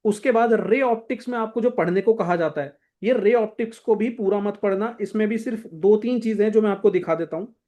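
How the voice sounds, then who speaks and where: A man's voice: high-pitched, fairly quick, few pauses, mellow. Hindi-speaking man teaching exam prep. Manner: casual, directive, repeats "thik hai" to check in. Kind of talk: exam-prep lesson walking through a textbook.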